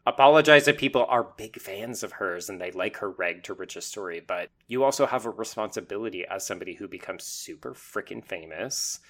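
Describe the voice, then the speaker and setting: A man's voice: lowish voice, animated, brisk, few pauses, fairly bright tone. Opinionated man hosting a chatty podcast. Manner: opinionated, laughs often. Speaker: podcast host. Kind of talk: casual podcast chat.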